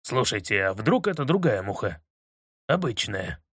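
A man's voice: lowish voice, very animated, moderate pace, a bit bright, slightly rough, no room sound, studio quality, pitched below the performer's own voice, full character voice. A man voicing a blustering male general with a commanding, theatrical manner in an audiobook reading. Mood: gruff.

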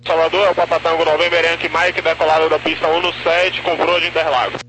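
A man's voice: a little high, little pitch movement, quick pace, sharp tone. A man speaking as a pilot over the radio, giving clipped, formal calls on a noisy transmission.

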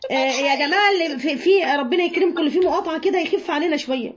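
A woman with an Egyptian Arabic accent gives a religious lesson to a room of listeners. She explains each point patiently and keeps asking them rhetorical questions. Her voice sits high, and the recording is dull and lo-fi. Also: racing, slight background noise. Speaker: Quran teacher.

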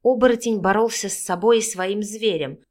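A woman reading a romance novel aloud as audiobook narrator, with an expressive, steady delivery. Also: mid-range voice, normal speed.

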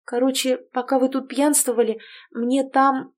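A woman's voice: high voice, unhurried, pitched above the performer's own voice. Woman voicing a brash skeptical young woman. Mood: excited. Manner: excitable, brash outbursts. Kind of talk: audiobook character voice.

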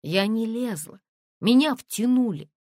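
A woman reader voicing an indignant young woman screenwriter who exclaims and demands answers in a sharp, raised voice. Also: on the high side, animated, a little slow, no room sound, studio quality, pitched above the performer's own voice. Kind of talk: audiobook character reading.

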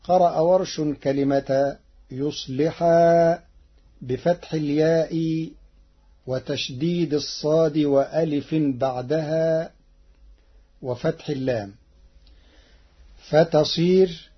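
A man's voice: fairly high pitch, fairly even intonation, slow pace, pauses often, slightly rough, lo-fi sound. A man giving methodical explanatory commentary on Quran recitation variants, from an archival radio broadcast. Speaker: recitation presenter.

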